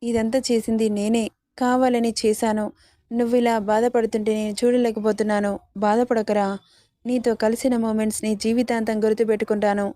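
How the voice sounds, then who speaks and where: A soft, flat-voiced temptress, read by a woman. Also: on the high side, moderate pace, no echo, clean studio sound, lightly acted. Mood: pleading.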